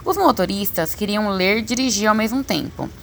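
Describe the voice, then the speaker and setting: A woman reading a children's book aloud as an audiobook narrator, expressive and lively. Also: mid-range voice, moderate pace, gravelly, slight background noise. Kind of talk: storybook reading.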